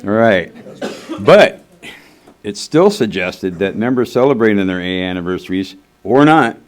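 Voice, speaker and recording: A man with a low voice chairs a group meeting. He reads the announcements in a steady, practiced way, then breaks into offhand, casual asides. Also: moderate pace.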